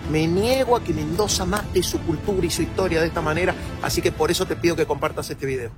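A man's voice: fairly high pitch, fast talker, loud music behind the voice. A man with an Argentine Spanish accent making an urgent, indignant video appeal.

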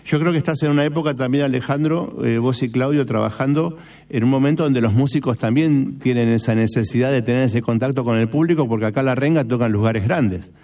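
Argentine male radio host, warm tone, slightly distant mic, chatty with restarts. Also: medium pitch, a little fast. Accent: Argentine Spanish. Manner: conversational, hesitant restarts. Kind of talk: radio interview.

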